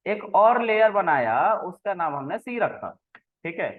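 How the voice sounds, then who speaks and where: A man teaching programming in a relaxed way, explaining code step by step and often checking that the listener follows. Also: sits high, unhurried. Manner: conversational, keeps checking in with the listener. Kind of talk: explaining code while typing. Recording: tinny phone-like sound.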